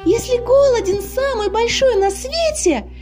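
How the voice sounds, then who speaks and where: A woman voicing a group of small children in a storybook reading, with high shrill child voices. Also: expressive, measured pace, loud music behind the voice. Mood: excited.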